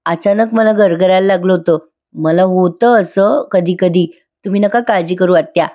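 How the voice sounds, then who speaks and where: A woman reading a gentle reassuring young woman. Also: lowish voice, moderate pace, lightly acted.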